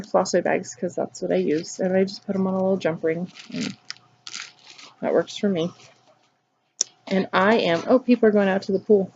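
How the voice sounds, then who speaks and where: A woman's voice: mid-range voice, vocal fry, a little mellow, lo-fi sound, slight background noise. A woman in her thirties chatting casually through a cross-stitch and sewing show-and-tell, upbeat and rambling with plenty of ums. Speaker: flosstube vlogger.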